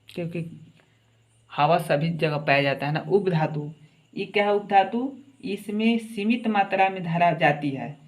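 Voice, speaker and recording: A man's voice: sits high, fairly bright tone. A man teaching a science class, asking short questions and answering them himself in a coaxing classroom way, an everyday delivery. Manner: asks questions and answers them himself, calls students "babu". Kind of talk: classroom lecture.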